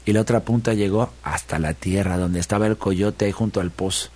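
A man telling a folk tale in a lively, playful way, building rhythm through repetition. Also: on the low side, a little fast. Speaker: storyteller. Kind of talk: animated folk-tale storytelling.

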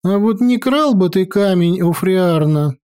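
A woman voicing a jittery, cowardly male sorcerer who pleads and frets in a high, whining patter. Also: lively intonation, measured pace, dark tone, clear, resonant tone. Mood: fearful pleading.

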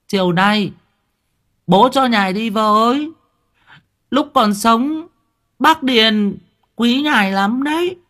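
A man's voice: extremely high pitch, slow pace, long pauses, sharp tone, voice pushed up, full character voice. A man doing a whiny, childlike village girl. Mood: eager. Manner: whiny, insistent, sing-song. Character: simple-minded young village woman, childlike.

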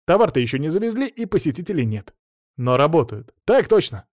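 A man's voice: a little high, big pitch swings, a little fast, a little mellow, no room sound, clean studio sound, voice pushed up. A man voicing an eager security shift chief who answers in a barking, military style.

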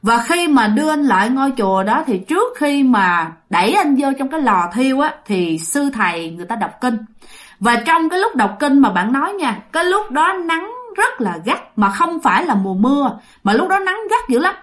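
A woman's voice: high-pitched, big pitch swings, moderate pace, fairly bright tone. A woman with a Southern Vietnamese accent telling a ghost story, chatty and speaking straight to her listeners. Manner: chatty, addresses listeners directly.

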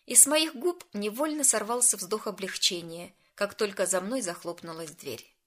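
A woman reading a first-person audiobook story in an even, storytelling manner. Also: medium pitch, moderate pace. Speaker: narrator.

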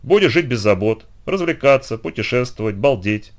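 A man voicing a calm, wise male centaur, speaking softly with gentle irony in an audiobook. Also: mid-range voice, normal speed, close to an everyday voice. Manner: soft, calm, gently ironic.

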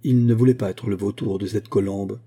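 A man reading a romantic short story aloud, measured and expressive, giving the dialogue its own voice. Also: on the low side, husky. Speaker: audiobook reader. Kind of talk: literary narration.

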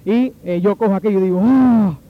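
A man with a Cuban Spanish accent and a high, bright-sounding voice tells a long personal story. He is animated and plays out the dialogue of each person he meets. The recording sounds dull and lo-fi. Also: a little fast. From Cuba. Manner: animated, acts out the dialogue of the people in his story.

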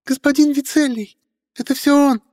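A man voicing a frightened young maidservant who pleads desperately in a high voice. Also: fairly even intonation, normal speed, darkish tone. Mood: pleading. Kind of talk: audiobook character voice.

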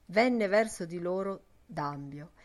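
A woman narrating a literary novel as an audiobook in a measured, even reading. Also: lowish voice.

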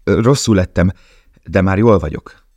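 A man's voice: deep voice, a little mellow, no room sound, studio quality, pitched above the performer's own voice. A man reading an audiobook, voicing a desperate young male prisoner who speaks in an urgent, commanding way.

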